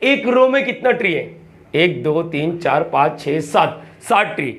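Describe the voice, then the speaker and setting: A man's voice: on the high side, sing-song, unhurried, a bit bright. A man teaches a math lesson in an easy, chatty way. He repeats key words, counts items aloud one by one and keeps asking his students questions. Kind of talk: casual classroom-style lesson.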